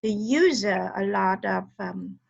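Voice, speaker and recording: A woman teacher on a video call, sharing her classroom experience haltingly, with frequent fillers. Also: medium pitch, gravelly. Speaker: teacher, webinar participant. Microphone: computer mic on a video call. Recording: dull lo-fi call audio.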